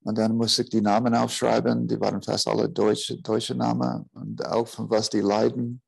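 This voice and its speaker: This man has a gravelly, low voice and a level tone. He is from the United States and his first language is English, yet he speaks haltingly, searching for words as if in a second language. He teaches at a healing school and is telling a personal story during a talk.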